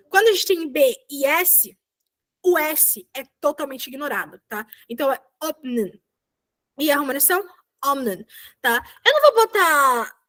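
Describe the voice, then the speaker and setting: Over a video call, a young woman runs a language lesson in a high-pitched, somewhat bright voice. She keeps things chatty, pausing every few sentences to see how her students are doing during this online class explanation.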